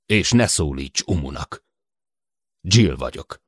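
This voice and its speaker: Férfi hangján büszke, sértődékeny szőrös törzsi lény, mély, száraz hang. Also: male voice, very deep voice, expressive, slightly rough, no room sound, clean studio sound, heavily acted. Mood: indignant. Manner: touchy, sharp, hissing.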